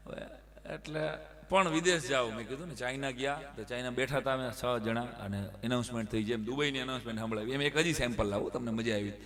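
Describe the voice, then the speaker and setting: A man telling comic stories live, acting out the people in his tales with sudden shouts and bits of broken English. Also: mid-range voice, fast. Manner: animated, acts out characters with sudden loud shouts and broken English. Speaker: stand-up comic storyteller. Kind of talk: live folk comedy storytelling.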